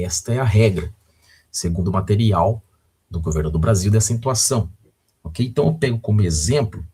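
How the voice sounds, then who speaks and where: A man's voice: fairly low pitch, darkish tone, husky. A man with a Brazilian Portuguese accent teaching a recorded video lesson, patient and often checking in with the viewer.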